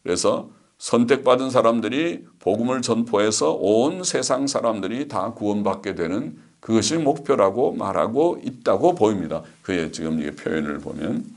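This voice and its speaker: A man's voice: lowish voice, animated, normal speed, gravelly, hardly any pauses. A man, a pastor, giving a theology lecture, reading passages aloud and then explaining them with frequent fillers.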